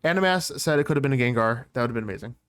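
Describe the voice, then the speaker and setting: Man, podcast co-host, smooth clear voice, dry close sound, playful, laughs a lot. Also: mid-range voice, lively intonation, very fast, a bit bright, no echo. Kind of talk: casual chat.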